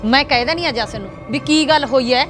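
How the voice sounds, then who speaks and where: A woman playing a mother who pleads with her angry son to calm down. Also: high-pitched, a little fast, soft background music. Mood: pleading. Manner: pleading, calming. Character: soothing mother, anxious to keep peace. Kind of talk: web series drama acting.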